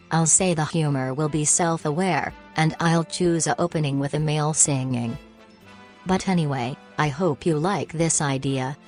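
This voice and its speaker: A woman's voice: low-pitched, a little mellow. A woman narrating a fan explainer video in a casual, offhand, self-deprecating way, speaking into a home microphone.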